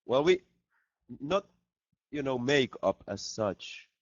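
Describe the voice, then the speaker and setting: Speaking slowly yet animated in a mid-range voice, a man from Finland, part of a band, reads out fan questions and cracks jokes during a casual video chat. The dull, lo-fi audio comes from a laptop video call mic, with no echo.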